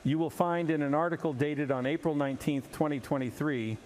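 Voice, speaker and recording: A man's voice: on the high side, fairly quick, darkish tone, lightly acted. Formal, evasive commissioner, played by a man, noisy recording. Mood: defensive. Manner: formal, scripted, long-winded. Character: evasive male sports league commissioner, formal and defensive. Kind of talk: parody news interview. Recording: clearly noisy background.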